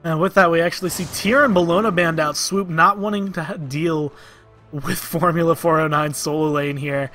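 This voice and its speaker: A man co-casting a video game match, giving steady analysis of team picks and bans. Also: fairly high pitch, moderate pace, soft background music. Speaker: esports co-caster. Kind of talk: esports casting commentary.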